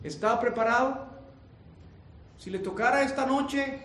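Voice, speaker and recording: Dramatic preacher guy telling a story, high voice, hushed then loud. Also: unhurried. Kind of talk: storytelling sermon.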